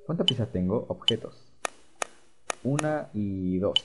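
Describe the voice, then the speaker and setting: A man's voice: on the low side, lively intonation, a little slow. Man muttering over a game. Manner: muttering to himself, reads on-screen text aloud. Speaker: gamer. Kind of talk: let's play commentary. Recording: dull lo-fi recording with faint hiss.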